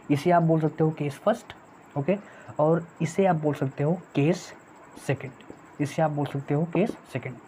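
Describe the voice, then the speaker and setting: A woman's voice: low voice, warm tone. A woman teaching an online exam-prep English lesson. She repeats herself often, calls the viewers friends, and asks questions she then answers. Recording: dull lo-fi audio with faint noise.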